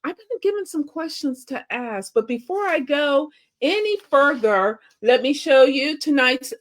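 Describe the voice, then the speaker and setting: A woman's voice: high voice, lively intonation, measured pace. A woman hosting a show, chatting casually and playfully with her viewers, her voice scratchy as she gets over a cold. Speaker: show host. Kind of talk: casual livestream chat to viewers.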